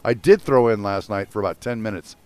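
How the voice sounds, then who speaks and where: A man's voice: on the low side, brisk, a little mellow, clean tone, no room sound. Rambling, swearing man on a podcast. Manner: rambling, swears freely, laughs at his own stories. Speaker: podcast co-host. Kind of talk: casual chat.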